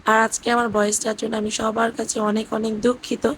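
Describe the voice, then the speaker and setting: A woman, hoarse from talking, gently narrating a family vlog as a voice-over with occasional fillers. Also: fairly high pitch, monotone, fairly quick, a little hiss or hum, low-quality recording. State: hoarse, voice cracking. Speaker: vlogger narrating family trip. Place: indoors at her parents' house.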